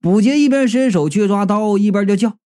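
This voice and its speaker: A man narrating a comedic novel in the first person, telling the story in a lively, expressive way. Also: high-pitched, a little fast. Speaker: audiobook narrator.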